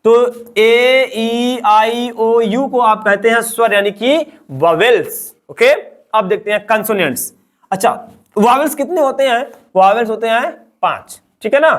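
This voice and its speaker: A man's voice: very high voice, a little slow. A man teaching a beginners' English lesson in Hindi, drilling letters one by one, asking questions and answering them himself, and calling his listeners children. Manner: calls listeners children and uses friendly address. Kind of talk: classroom-style online lesson.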